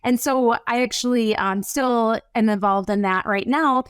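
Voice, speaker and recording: A middle-aged woman from northern Wisconsin, accent and all, appears as a podcast guest who works as a dairy coach. In a casual interview she talks enthusiastically in long runs with filler "uh"s; her voice is smooth, on the high side and unhurried, recorded in studio quality with no room sound.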